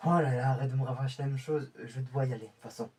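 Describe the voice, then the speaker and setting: A man's voice: mid-range voice, fairly even intonation, fast talker, darkish tone, breathy edge, distant mic, natural voice. A man playing a young male infiltrator getting ready for a covert mission, often stammering and restarting his sentences in amateur web-drama style. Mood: irritated.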